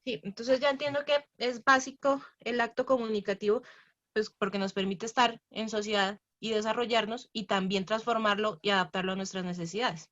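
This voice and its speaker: A woman's voice: medium pitch, steady tone, brisk, fairly bright tone. A woman student speaking thoughtfully in an online class discussion. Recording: slightly dull video call audio.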